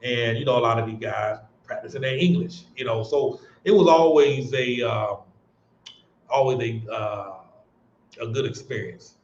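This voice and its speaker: A man's voice: medium pitch, measured pace. An American man hosting a casual livestream, talking earnestly with lots of restarts and fillers. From United States. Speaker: livestream host. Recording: roomy, dull-sounding stream audio.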